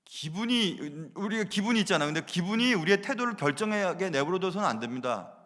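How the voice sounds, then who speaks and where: A man preaching a sermon as pastor, animated, moving between loud emphasis and hushed asides. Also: sits high, a little fast. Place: church sanctuary. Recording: long reverb of a church hall.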